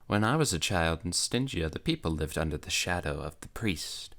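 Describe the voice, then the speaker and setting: A cool, worldly young noblewoman, read by a man, calm and knowing as she tells of terrible things. The voice stays low and unhurried, in audiobook narration. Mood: ominous. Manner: calm, matter-of-fact storytelling of dread. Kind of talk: audiobook character voice.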